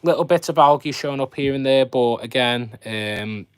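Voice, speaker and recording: A man hosts a casual live stream in a mid-pitched voice. He rambles along conversationally, talking straight to his viewers, and the sound is dry with very little room around it. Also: normal speed, smooth, no echo. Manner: rambling, chatty commentary with viewers addressed directly. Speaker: host of a fishkeeping live stream. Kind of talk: casual live chat, showing his fish tanks.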